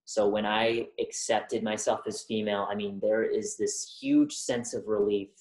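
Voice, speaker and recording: A young woman with a deep voice, deepened by testosterone, speaks as a guest in a reflective interview conversation. Her intonation is lively and her tone darkish, yet she's halting and thoughtful, full of fillers and restarts. The room is echoey.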